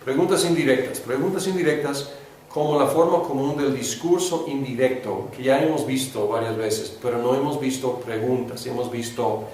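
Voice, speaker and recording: A Greek teacher with a mid-range, darkish voice speaks at a normal speed as students repeat after him in a call-and-response lecture. He sounds hesitant, with many fillers and restarts. The room is echoey, the mic distant, and there's a faint hiss.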